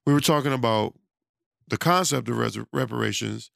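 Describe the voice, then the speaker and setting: Vocal fry and a slightly bright quality mark this medium-pitched man's voice, heard at normal speed with no room sound. Self-employed, studio-owning, and American, he's losing his voice while rambling conversationally, with frequent fillers and restarts.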